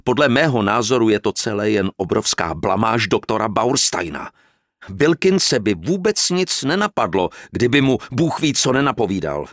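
Man reading an angry dismissive young guy, loud, voice jumping around. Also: lowish voice, big pitch swings, no echo, clean studio sound. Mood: indignant. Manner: loud and scornful. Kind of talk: audiobook character reading.

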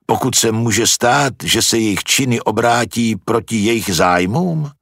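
Patient old philosopher, read by a man, husky and low, probing questions in a storybook. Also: a bit bright, no echo, studio quality. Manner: questioning, reasoning.

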